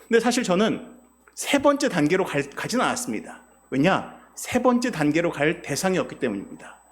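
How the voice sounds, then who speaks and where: A man's voice: high-pitched, big pitch swings, a little fast. A male pastor preaching a sermon, posing rhetorical questions to his congregation. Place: church sanctuary.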